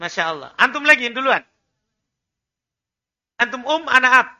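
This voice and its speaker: Bright, high-voiced Indonesian man drilling Arabic. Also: lively intonation. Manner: corrects pronunciation and repeats drills; slow and deliberate when modelling phrases. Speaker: Arabic teacher. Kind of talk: classroom language drill.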